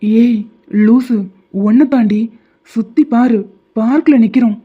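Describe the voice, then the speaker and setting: Protective young man, gentle and teasing, voiced by a woman, for a cartoon, tinny phone-like sound. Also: fairly high pitch, takes it slowly, breathy edge. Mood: coaxing. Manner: gentle coaxing teasing delivery. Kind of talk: animated story voice acting.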